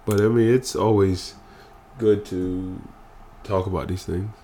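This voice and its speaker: A man with a low, steady, mellow voice speaks a little slowly, with a faint hiss or hum in the recording. As a podcast guest in an emotional, candid conversation, he talks earnestly and emphatically, repeating phrases for stress while still emotional from crying.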